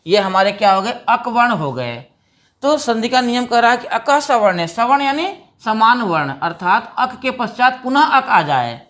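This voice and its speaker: A woman teaching a grammar lesson, patiently asking questions and answering them herself, drawing out key sounds slowly. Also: on the high side, a bit bright. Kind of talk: explanatory classroom lesson.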